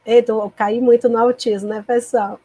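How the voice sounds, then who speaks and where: In this recorded online lecture to teachers, a woman from Piauí, Brazil, uses a somewhat high, breathy voice and a tickly throat that suggests she needs to cough. She explains patiently and calmly, regularly checking with tags that her audience is keeping up. The recording has no room sound and the high frequencies are cut off.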